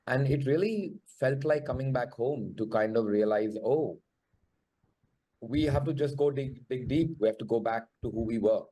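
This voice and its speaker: A man's voice: medium pitch, moderate pace, dark tone, slightly rough, rough recording. A man with an educated, posh Indian English accent, speaking reflectively and articulately as a screenwriter in an interview. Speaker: screenwriter and show creator. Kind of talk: thoughtful panel interview answer.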